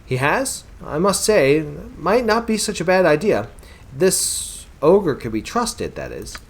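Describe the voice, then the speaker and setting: A man's voice: fairly high pitch, sing-song, slow pace, slightly rough, pitched above the performer's own voice, full character voice. A man voicing a polite, worried middle-aged male village leader, reading game dialogue in close to his own voice. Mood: concerned.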